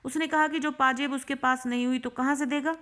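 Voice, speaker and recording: A woman teacher who reads a Hindi short story aloud and explains it line by line, in a measured, explanatory way. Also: high-pitched, steady tone, a bit bright.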